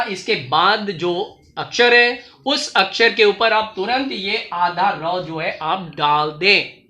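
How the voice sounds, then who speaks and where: A slow, patient teacher talks through a grammar lesson, repeating each rule with examples. The voice is bright and clear. The room is noticeably echoey. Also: mid-range voice. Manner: patient, repetitive, explanatory. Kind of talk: explaining lesson slowly.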